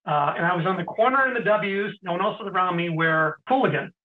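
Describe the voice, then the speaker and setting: A middle-aged man, an interview guest, tells stories in a casual way, often clearing his throat and pausing with fillers. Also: high voice, animated. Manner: anecdotal, frequent throat clearing and hesitant fillers. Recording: tinny phone-like sound.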